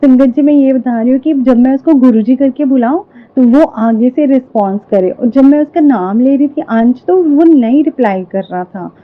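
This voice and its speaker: A woman's voice: high voice, moderate pace. A woman earnestly sharing a devotional testimony with a prayer group, often turning to address the congregation directly. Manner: earnest, repeatedly addresses the congregation, many fillers. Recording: tinny phone-line audio.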